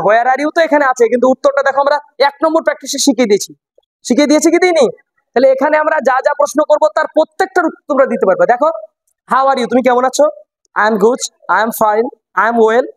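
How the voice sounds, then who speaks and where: Recorded at low quality with no echo, a high-sitting voice belongs to an English teacher leading a lesson in a classroom with a board. The teacher repeats phrases and quizzes the students.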